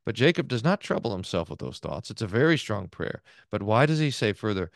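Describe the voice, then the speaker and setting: A man's voice: lowish voice, fairly quick, creaky, no room sound, clean studio sound. Man teaching a Bible class. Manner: lively, repeats words and restarts while thinking aloud. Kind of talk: Bible class teaching, reading aloud and explaining.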